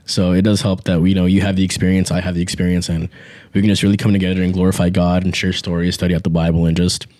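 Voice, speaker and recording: Low-sitting and fast, this young man's voice comes through with no room sound. In his twenties, he co-hosts an easygoing faith podcast from a small home setup using a studio mic, relaxed in conversation, laughing often, and full of fillers and restarts.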